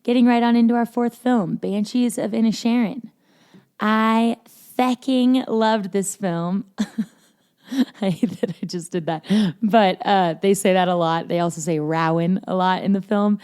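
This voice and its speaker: A woman's voice: medium pitch, brisk, dark tone, clear, resonant tone. A woman hosting a casual movie review podcast, chatty and self-deprecating, with lots of fillers. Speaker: podcast host.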